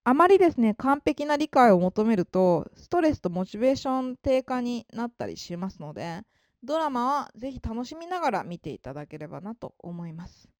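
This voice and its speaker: A woman giving an informal spoken lesson of study advice, polite in manner, with frequent fillers and emphatic pauses. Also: a little high, sing-song, dry recording, clean studio sound. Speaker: English-learning advisor.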